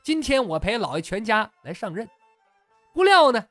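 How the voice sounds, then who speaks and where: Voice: medium pitch, big pitch swings, normal speed, fairly bright tone, no room sound, soft background music, pitched above the performer's own voice. A storyteller voicing a scheming old male secretary who pleads in flowery, old-fashioned speech. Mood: pleading.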